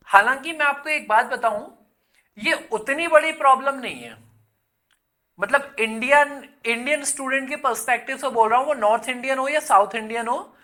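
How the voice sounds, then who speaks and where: A man with an extremely high, bright and forceful voice teaches English exam prep online from Hyderabad. He's chatty and casual, mixes English words into his Hindi, and addresses viewers as "son."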